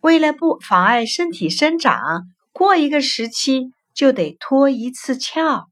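A woman's voice: sits high, animated, unhurried. A woman voicing a male river shrimp shedding his shell, who sounds weak and explains patiently. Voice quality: feeble, short of strength.

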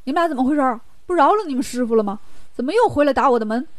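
A woman voicing a hot-tempered male demon king in a children's storybook telling, blustering and quick. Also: high voice, animated, no room sound.

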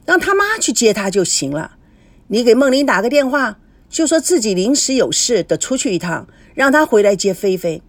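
A sleazy middle-aged man coaxes and leers, voiced by a woman reading a radio story. His talk is sticky and wheedling, bouncing up and down in pitch with a breathy edge. The sound is close and dry. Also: sing-song, normal speed, no room sound. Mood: coaxing.

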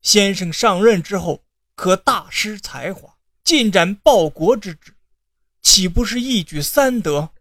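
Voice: medium pitch, animated, a little slow, a bit bright, dry recording. Old con-man secretary, pleading and persuasive, put on by the storyteller, dry close mic. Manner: persuasive, tearful, sudden outbursts. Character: scheming old male county secretary, wheedling.

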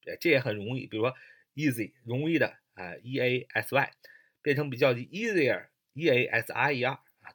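Male English teacher, bright husky tone, lively delivery, spells out words and hesitates often. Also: mid-range voice. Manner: spells words letter by letter, many fillers. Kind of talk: explaining grammar lesson.

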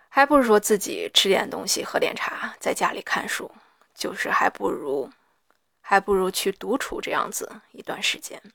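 Woman, hoarse gravelly creaky voice, unhurried halting delivery, reflective solo audio diary, dry close sound. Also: mid-range voice, a bit bright, no echo. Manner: halting, reflective, pausing mid-sentence. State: hoarse after an hour of reading aloud.

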